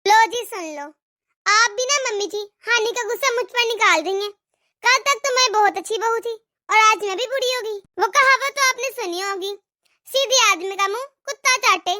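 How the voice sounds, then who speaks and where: A woman's voice: extremely high pitch, bright, forceful tone. A woman voicing a patient elder daughter-in-law in a cartoon who reasons with her mother-in-law.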